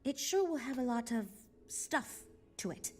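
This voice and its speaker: Brief: a dry, patient game ship designer, a touch high-pitched, worn down but still trying. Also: female voice, expressive, unhurried. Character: weary but earnest woman starship designer. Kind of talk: video game character dialogue.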